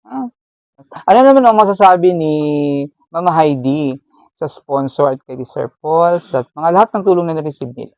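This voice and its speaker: A woman's voice: deep voice, lively intonation, normal speed, a little mellow, dry recording. A woman running a charity vlog, firmly coaching a shy student to speak up, in a motherly, lecturing way. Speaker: charity vlogger handing out school allowance. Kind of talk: coaching, animated casual talk.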